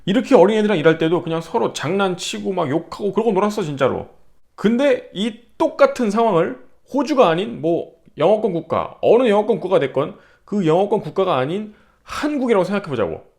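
Man in his thirties, foul-mouthed storyteller, lively and a bit high. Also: a little fast, gravelly. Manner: brash, profane, acts out quotes. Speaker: vlogger. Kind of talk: casual storytelling monologue.

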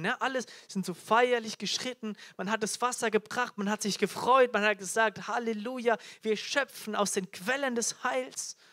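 A man's voice: sits high, a bit bright. A man preaching a live sermon to a congregation, fervent, often calling out hallelujah and repeating key phrases. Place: church teaching event before a congregation.

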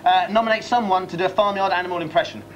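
A man's voice: sits high, fairly even intonation, racing, muffled recording. A man in his twenties presenting a children's TV game show as quizmaster in a studio. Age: 20s. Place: TV studio with teams around. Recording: noisy TV studio, rowdy crowd.

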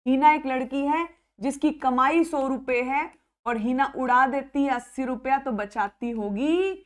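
Woman math teacher, young adult, high voice, energetic, checks in with students constantly. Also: unhurried. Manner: lively, coaxing students by name, repeats and checks understanding. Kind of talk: live online math class.

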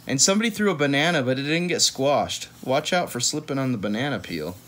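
Sitting on a couch in a small room at home, a man in his thirties hosts a read-aloud of a children's picture book, talking fast with lively intonation in a slightly bright, mid-range voice. He keeps it playful and wanders into frequent asides.

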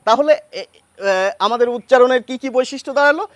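A man teaching as he writes, patient and unhurried, pausing often with fillers. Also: very high voice, no room sound. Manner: patient, with many pauses and fillers. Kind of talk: explaining Bengali pronunciation at a board.

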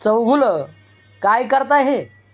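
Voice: medium pitch, lively intonation, takes it slowly, faint music behind. A reader voicing a brave, protective young village man in an audiobook reading, firm and stern. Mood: pleading firmly. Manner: firm, rising to anger.

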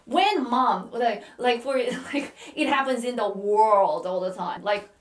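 A woman with a Korean accent teaching a language lesson, patiently repeating words slowly and often checking in with "Okay?". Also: on the high side, roomy sound, recorded from a distance.

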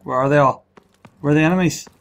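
A man's voice: fairly high pitch, fast, gravelly. A man giving casual, playful gameplay commentary, rambling along, repeating words and exclaiming. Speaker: gamer recording gameplay commentary.

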